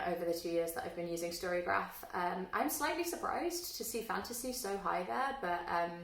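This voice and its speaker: Her voice is on the low side as this wry woman from London, England, a book vlogger, gives a casual self-introduction to camera. Self-deprecating and filler-heavy, she's recorded in an echoey room, slightly distant from the microphone.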